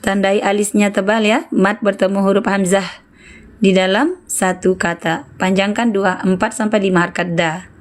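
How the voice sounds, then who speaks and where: A woman's voice: medium pitch, fairly even intonation, normal speed. A woman teaching Quran recitation in an online lesson, patiently correcting students and repeating syllables to model how they should sound.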